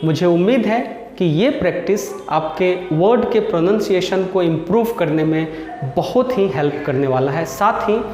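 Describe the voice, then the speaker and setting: A man teaching an English lesson, repeating each example word slowly to drill its pronunciation. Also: sits high, darkish tone. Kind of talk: classroom lesson. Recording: echoey room with long reverb.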